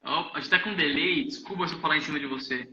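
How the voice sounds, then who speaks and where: A man's voice: on the high side, fast talker, pushed and bright, lo-fi sound, slight background noise. Upbeat man hosting a live stream, echoey. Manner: greets viewers by name, upbeat. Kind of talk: casual live-stream chat. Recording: echoey room, far from the mic.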